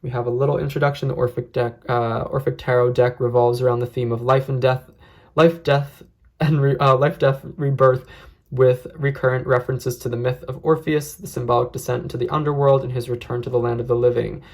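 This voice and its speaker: Creaky-voiced reviewer, measured and reflective. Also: mid-range voice, flat delivery, a little mellow. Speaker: tarot deck reviewer. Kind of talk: casual unscripted review talk.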